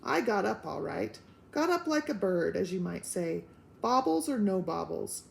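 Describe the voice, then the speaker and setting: A gentle little old storybook man talks in unhurried, folksy rustic grammar, as a woman reads him. His voice is gravelly and creaky, and it rises and falls a lot. He sounds homely and reassuring. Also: mid-range voice, very animated, slight background noise, exaggerated voice, poor audio. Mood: explaining.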